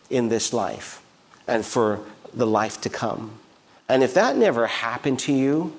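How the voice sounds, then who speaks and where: A man preaching a sermon as pastor in a church, emphatic, with repeated phrases and rhetorical questions. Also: on the high side. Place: church sanctuary.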